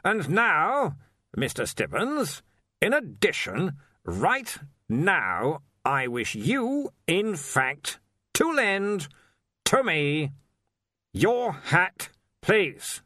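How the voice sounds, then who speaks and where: Pompous, loud old head wizard, high and bossy, dry close read, from a man narrating. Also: big pitch swings, fast talker, dry recording, exaggerated voice. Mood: through gritted teeth. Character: blustering older male wizard headmaster. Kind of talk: audiobook character voice.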